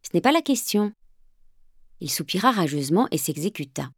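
A woman reading a first-person novel aloud, composed and measured, with a coolly patient tone. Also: lowish voice, sing-song, breathy edge, dry recording, clean studio sound. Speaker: audiobook narrator.

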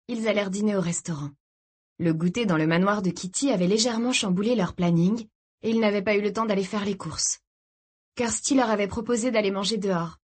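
A woman reading a novel aloud in an even, measured storytelling voice. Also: medium pitch, husky. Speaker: audiobook narrator. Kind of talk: scripted narration.

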